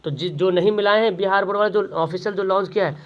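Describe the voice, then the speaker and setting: A man's voice: sits high, quick pace, muffled recording. A man, tutoring students through exam questions, repeating each question and then answering it himself.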